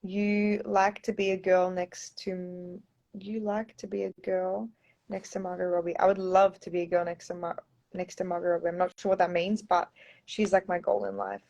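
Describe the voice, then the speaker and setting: A woman's voice: on the low side, little pitch movement, moderate pace, vocal fry, darkish tone, lo-fi sound. Chatty Australian young woman on livestream. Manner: chatty, reads viewer comments aloud, often says um and like. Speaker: pageant contestant answering fans. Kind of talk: casual live-stream Q&A.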